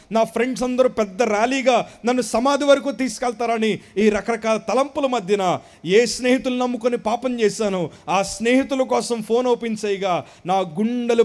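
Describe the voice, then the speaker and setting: Man, fairly high voice, impassioned testimony at a live worship service on a handheld mic, from Andhra Pradesh. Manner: impassioned, swings between hushed and loud. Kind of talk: emotional spoken testimony. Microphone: handheld microphone.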